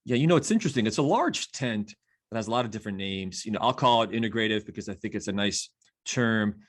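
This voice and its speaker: A man's voice: fairly low pitch, animated, fast. A man in his fifties with a New Jersey accent, a physician guest talking eagerly in a casual interview and fond of rhyming catchphrases.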